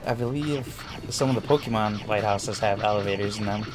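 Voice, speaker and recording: A man hosting a let's play with casual game commentary, dry and laconic with deadpan quips. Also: fairly low pitch, brisk. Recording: game music playing behind.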